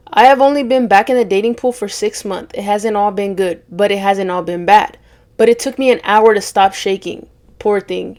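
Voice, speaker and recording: A woman's voice: medium pitch, a little mellow. A woman reading online stories aloud as a storytime host, breaking in with blunt, sarcastic asides.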